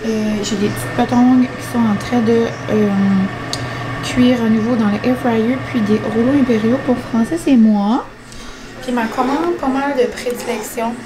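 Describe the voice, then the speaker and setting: A woman with a Quebec French accent chatting casually at home for her vlog, excitable and dropping English words into her talk. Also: on the high side, background noise. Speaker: vlogger. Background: background music.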